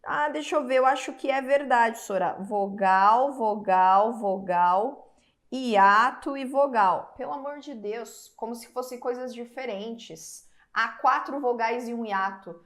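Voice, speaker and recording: A woman's voice: a little high, moderate pace, hardly any pauses. A woman teacher with a Brazilian accent giving an online exam-prep lesson. She explains step by step, stretches out example words and checks in often with her students. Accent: Brazilian Portuguese. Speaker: Portuguese teacher.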